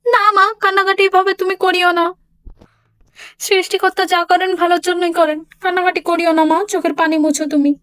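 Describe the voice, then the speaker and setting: A woman's voice: very high voice, level tone, brisk, fairly bright tone, no room sound. A woman voicing a caring young village daughter who coaxes and soothes in a doll story drama. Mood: soothing. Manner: soothing, coaxing.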